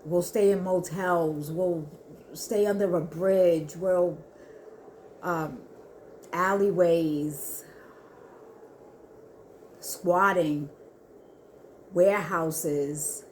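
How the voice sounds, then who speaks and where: A woman giving an earnest spiritual reading to her viewers, talking haltingly with many restarts. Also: fairly low pitch, fairly even intonation, darkish tone, a little hiss or hum. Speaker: spiritual reader. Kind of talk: intuitive spiritual reading to camera.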